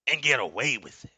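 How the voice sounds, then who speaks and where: Man, American accent, booming motivational monologue, preacher-like repetition, forceful bright tone, dry close sound. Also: husky, dry recording. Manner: emphatic, repeats phrases for effect, swings from low asides to shouted outbursts. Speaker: online video commentator.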